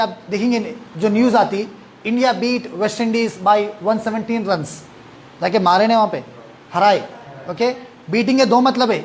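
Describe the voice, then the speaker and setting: A man's voice: sits high, slight background noise. Man teaching English verb forms. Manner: drills students with repeat-after-me, mixes English and Hindi-Urdu. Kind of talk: online verb-forms class.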